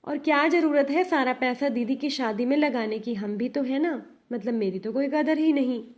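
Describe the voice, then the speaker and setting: A woman's voice: high voice, moderate pace, natural voice. Woman voicing a demanding young wife. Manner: complaining, insistent.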